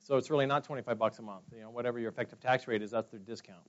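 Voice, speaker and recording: Very fast and steady in tone, this mid-range male voice belongs to a Californian in his forties telling a business meeting about his own experiences. The casual testimony rambles and is full of fillers, and the sound is dull and lo-fi.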